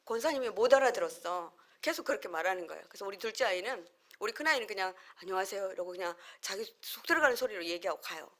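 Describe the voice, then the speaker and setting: A woman's voice: animated, very fast, hardly any pauses, pushed and bright. Korean woman pastor preaching earnestly. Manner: earnest, conversational preaching with homely family examples; acts out short quoted lines with sudden rises in pitch and volume. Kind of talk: sermon.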